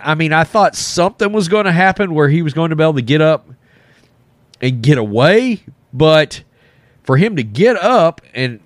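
A man's voice: a little high, dry recording. A man giving casual, blunt reaction commentary as a host, his voice thick from a cold and a sore, swollen throat. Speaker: host of a film reaction channel.

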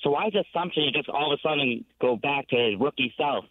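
A man on the line as a radio show caller, his voice squeezed thin and tinny by the telephone. He sits a touch high in pitch and talks in an eager, rambling way, with no room sound around him. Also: fast talker, dry recording. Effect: phone line. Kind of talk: calling in to a sports talk show.

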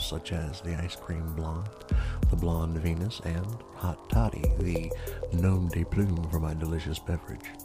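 A man's voice: deep voice, gravelly. A man narrating true crime as a podcast host in an ASMR style, with theatrical, formal storyteller phrasing. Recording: faint music behind the voice. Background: faint music.

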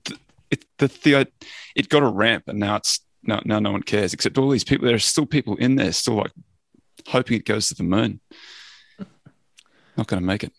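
A man's voice: lowish voice, brisk, vocal fry, pauses often, dry recording. A man co-hosting a finance podcast, talking bluntly and rambling with restarts. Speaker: podcast co-host. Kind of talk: casual finance podcast chat.

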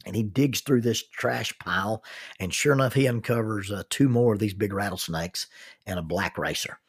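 A man telling a folksy story in a sermon, unhurried and full of restarts. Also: lowish voice, breathy edge.

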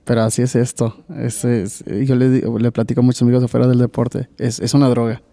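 A man hosting a podcast in relaxed, slangy Spanish, telling a story among friends. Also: medium pitch, fairly quick, creaky. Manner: relaxed, slangy, swears casually. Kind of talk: casual conversation.

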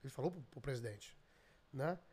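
A Brazilian man with a Brazilian Portuguese accent, a podcast guest telling animated stories, swearing and laughing freely. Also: mid-range voice, brisk, husky. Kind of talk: casual storytelling chat.

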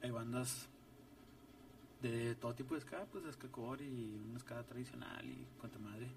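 Young musician, rough fry, animated slang storyteller, distant mic, light hiss. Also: male voice, mid-range voice, unhurried. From Ciudad Juárez, Mexico. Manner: slangy, animated retelling with voiced quotes. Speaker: ska band musician, guest. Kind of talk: casual chat, storytelling. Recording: distant mic with faint noise.

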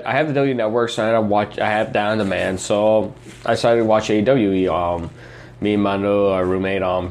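A man's voice: on the low side, a little mellow. A young man hosting a casual pop culture podcast, rambling with lots of fillers. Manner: rambling, filler-heavy, eating while talking. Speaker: podcast host.

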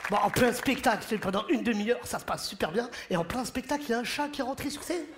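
A stand-up comedian, a man, performs an animated, joking routine on a theater stage and puts on voices for the people in his stories. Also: very high-pitched, quick pace, some chatter behind. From Morocco. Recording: live show in a hall, audience laughter. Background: audience laughing and cheering.

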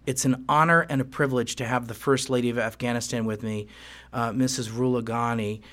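A man's voice: mid-range voice, fairly even intonation, brisk, a bit bright. A man hosting an interview program, introducing his guest politely and asking questions. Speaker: interview host. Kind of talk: conversational interview.

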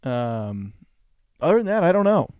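A man's voice: on the high side, big pitch swings, normal speed, a little mellow, no room sound, clean studio sound. A young man co-hosting a podcast, rambling in casual chat with lots of fillers. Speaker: podcast co-host.

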